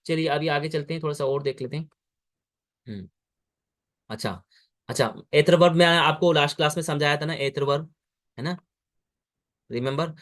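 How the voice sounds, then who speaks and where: A man with an Indian accent gives a one-on-one French lesson over a video call. His voice sits fairly high for a man, and he patiently repeats each word slowly so the student can follow. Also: fairly bright tone. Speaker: French tutor. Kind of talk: online language lesson.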